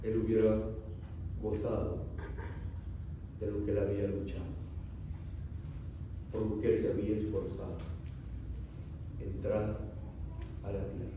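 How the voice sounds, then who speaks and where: Echoey preacher in a distant church hall. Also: male voice, on the low side, flat delivery, unhurried, long pauses. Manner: swings from loud rhetorical questions to quiet, solemn drops. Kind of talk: sermon. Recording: very echoey, distant from the mic, faint room noise.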